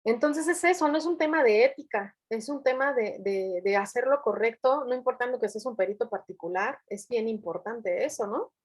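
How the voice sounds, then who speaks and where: A fairly high-voiced woman, talking on a video call as a forensic psychologist. She tells her stories in an animated way and acts out the voices of the people she quotes. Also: moderate pace, few pauses, slightly rough. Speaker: forensic psychologist in family court. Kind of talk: panel discussion over video call.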